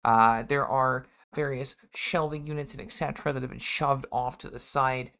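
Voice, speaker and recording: A man narrating a tabletop game as game master, describing scenes in a halting way with frequent ums and uhs. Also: medium pitch, steady tone, bright, forceful tone.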